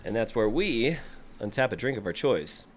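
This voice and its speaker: Male podcast host, relaxed, even mid voice, runs the show. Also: mid-range voice, normal speed. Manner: laid-back, introduces segments. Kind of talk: casual podcast chat.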